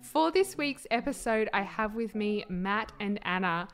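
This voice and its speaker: A woman's voice: mid-range voice, lively intonation, unhurried, fairly bright tone. A woman introducing her podcast as host, recorded in an echoey, unsoundproofed office. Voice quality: echoey room sound. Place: home office, not soundproofed.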